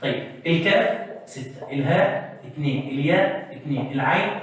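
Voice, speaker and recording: Egyptian man, tajweed teacher, higher voice, chants examples between explanations; heavy room echo, distant mic. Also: expressive, a bit bright. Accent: Egyptian Arabic. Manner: chants Quran letters in a drawn-out melodic recitation between explanations; checks in often with quick questions to the student. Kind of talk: tajweed lesson for exam students.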